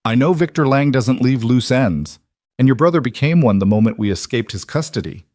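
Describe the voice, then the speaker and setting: A man reading the lines of a sharp, cool-headed former female CEO in a level, probing way. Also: medium pitch, lively intonation, a little fast, dry recording, clean studio sound, pitched above the performer's own voice, lightly acted.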